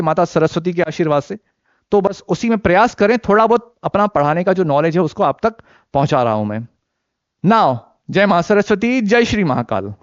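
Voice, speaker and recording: A man's voice: high voice, no room sound. A young Indian man giving an exam-prep lecture, mixing Hindi and English, repeating key points and quizzing his class. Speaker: teacher. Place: teaching studio. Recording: dry, slightly dull recording.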